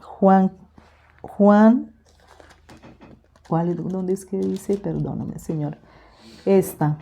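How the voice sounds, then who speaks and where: Woman telling her church testimony, super dark mellow voice, fervent, keeps repeating and saying hermanos. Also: medium pitch, drawn-out words, gravelly. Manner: fervent, repetitive, often addresses listeners as brothers. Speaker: guest giving testimony. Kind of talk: religious testimony to a congregation.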